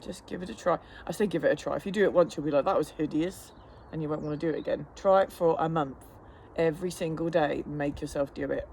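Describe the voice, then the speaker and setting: A man's voice: a little high, fast, vocal fry, hardly any pauses, a little mellow, a little hiss or hum. A man chatting casually to camera in a rambling, matter-of-fact, self-deprecating way while enduring icy water. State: cold-stressed, sitting in icy water. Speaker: fitness instructor vlogger. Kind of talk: casual chat to camera during a cold plunge. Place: outdoors in an ice bath.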